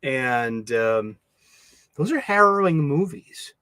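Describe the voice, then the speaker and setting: A middle-aged livestream host from Boston chats casually, rambling and mumbling with many restarts and fillers. His mid-range voice takes it slowly with big pitch swings, sounding pushed and bright, in a clean tone with no echo.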